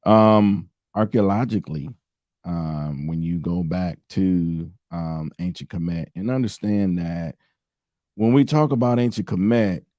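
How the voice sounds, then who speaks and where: A man co-hosting a casual podcast debate, explaining his side in a measured, patient way. His voice sits very low and dark, and he talks slowly. The sound is dry and close, with little room echo. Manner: measured, explanatory, many fillers. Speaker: podcast co-host.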